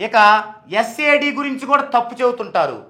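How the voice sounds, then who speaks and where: A man explaining name sounds, asking and answering his own questions and slowly repeating names to show how they are pronounced. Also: very high voice, big pitch swings, pushed and bright. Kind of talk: explanatory talk.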